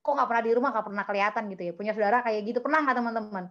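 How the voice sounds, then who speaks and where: Fast-talking chatty woman giving testimony. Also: a little high, fairly bright tone, highs cut off. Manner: chatty, emphatic, often addresses listeners as friends. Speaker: speaker at a prayer meeting. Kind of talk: personal testimony talk.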